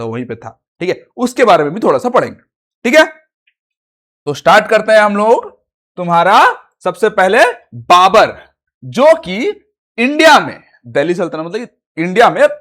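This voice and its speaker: A man's voice: high voice, fairly bright tone. A young man teaching a history lesson for exam prep, chatty, asking and answering his own questions and repeating "theek hai" often.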